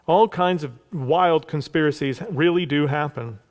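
A man's voice: a little high, a little slow. A man preaching a sermon as pastor, telling a history story in a loose conversational way with asides and little jokes. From Texas. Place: church sanctuary.

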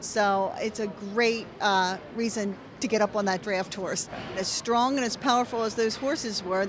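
A middle-aged woman giving an informal on-site interview as an event participant. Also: on the high side. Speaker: state legislator, event participant. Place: large indoor horse show arena. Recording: clear ambient noise of busy arena.

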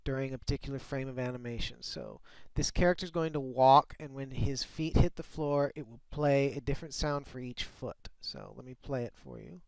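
A man walking through a screen-recorded software tutorial, often restarting and repeating words as he explains. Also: mid-range voice, expressive, fairly quick, creaky, hardly any pauses, clean tone, no room sound. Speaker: software developer demonstrating his tool.

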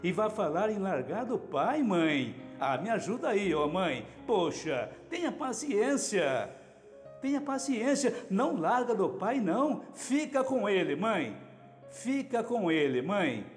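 A man's voice: high voice, animated, unhurried, few pauses. A man voicing an exasperated adult daughter who pleads with her mother and fires scolding questions. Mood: pleading. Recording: echoey hall with music underneath.

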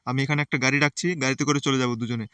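A man's voice: medium pitch, fairly even intonation, rapid-fire, pushed and bright, clear, resonant tone, no room sound, natural voice. A man voicing a bossy but caring uncle who reassures and lectures his nephew. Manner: reassuring, lecturing, repeats "ঠিক আছে". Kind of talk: game play voice acting.

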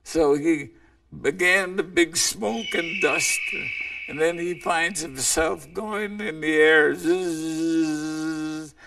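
A man telling an animal folk tale aloud in a slow, rambling way, often repeating words. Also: fairly high pitch, gravelly, pushed and bright, far from the mic, slight background noise. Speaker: storyteller.

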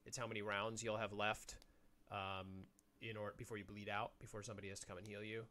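A man's voice: fairly low pitch, little pitch movement, fairly quick, bright, forceful tone, slight background noise. A man acting as game master of a remote tabletop game, patiently explaining rules with frequent fillers. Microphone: remote online call.

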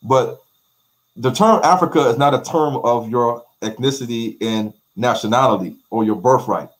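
Speaking at normal speed with a medium-pitched voice, the middle-aged documentary maker is again an interview guest on a video call, and the recording is rough. He's in a bright, light-walled room, pressing his points with repeated words and rhetorical questions.

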